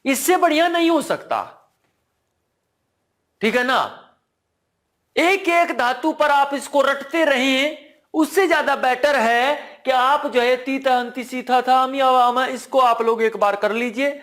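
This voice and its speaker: Man, hindi accent, sanskrit teacher, high voice, slow deliberate pace, quizzes class by repeating words. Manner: asks the class "ठीक है ना?" again and again; drops to a low, quiet voice at times. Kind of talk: online exam-prep lesson.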